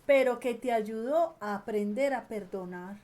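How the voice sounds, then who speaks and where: Woman preacher, high voice, earnest, slows down on the big lines. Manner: earnest, slows and stresses key phrases, trails off softly at ends. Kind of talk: sermon.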